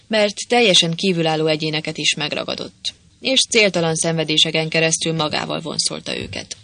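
Bright, dry audiobook narrator. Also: mid-range voice, dry recording. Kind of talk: scripted narration.

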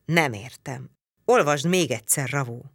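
A woman voicing a gruff, hot-tempered middle-aged barbarian man who growls and blusters, in a storybook reading. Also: a bass voice, no room sound, studio quality, heavily acted. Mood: grumbling.

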